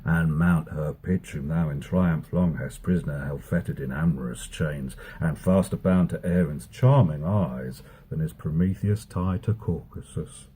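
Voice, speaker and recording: A man's voice: fairly high pitch, slightly rough, pitched above the performer's own voice. A man voicing a scheming, ambitious villain, reading Shakespeare aloud with brooding then exultant declaiming.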